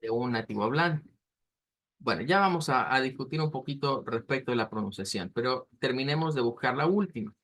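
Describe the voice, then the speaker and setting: A man's voice: mid-range voice, animated, a bit bright. Patient male language teacher. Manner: patient, explains step by step, models pronunciation slowly. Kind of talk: online class explanation.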